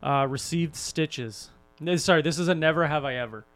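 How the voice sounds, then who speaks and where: Male podcast co-host, slightly higher voice, rambling casual anecdotes. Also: normal speed, fairly bright tone, clear, resonant tone. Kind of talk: casual chat.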